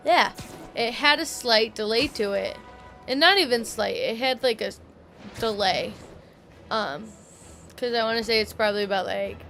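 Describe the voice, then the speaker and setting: A streamer with a mid-range, fairly bright voice gives loose, casual gameplay commentary as a woman prone to fillers and self-corrections. Her headset or desk mic sometimes catches her from a distance as she drifts away.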